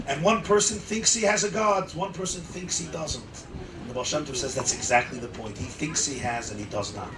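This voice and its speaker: Preaching with passion to a seated crowd in a makeshift sukkah hall, a middle-aged rabbi leans on repetition and dramatic pauses, weaving Hebrew and Yiddish words into his English. His voice is a little high. Picked up by a distant table mic on a stand, the sound is roomy, with music and clearly noisy room ambience in the background.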